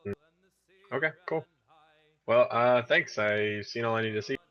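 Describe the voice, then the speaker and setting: A man's voice: mid-range voice, measured pace, no echo, highs cut off. A man chatting casually as a player in a tabletop role-play game.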